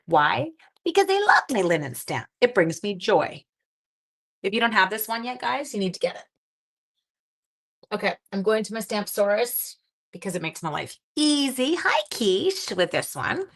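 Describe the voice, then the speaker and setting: This woman's mid-range voice is fairly bright and very animated, at a normal speed. Sleepy and groggy, she hosts a relaxed crafting live stream, working as she talks to viewers and makes playful little noises.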